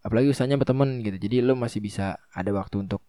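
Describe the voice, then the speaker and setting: A man's voice: lowish voice, racing, mellow, dry recording, clean studio sound. A young man with a Jakartan accent and a lisp on his r, giving casual, rambling advice as a solo podcast host. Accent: Jakartan Indonesian. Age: young adult. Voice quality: lisp, trouble saying r. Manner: informal, rambling, repeats phrases.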